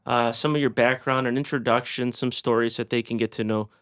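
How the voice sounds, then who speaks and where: Upbeat male podcast host, smooth voice. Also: mid-range voice, steady tone, brisk, fairly bright tone. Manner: upbeat, encouraging, many fillers. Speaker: podcast host and real estate broker. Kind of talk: casual podcast hosting.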